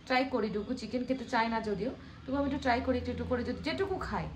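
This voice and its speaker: A woman's voice: fairly high pitch, fast. Young female family vlogger, casual and chatty, cooking at home; roomy echo, faint background hum. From Bengal, living away. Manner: chatty, talks to viewers while cooking. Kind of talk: casual home vlog narration. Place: home kitchen. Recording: echoey kitchen with faint ambience.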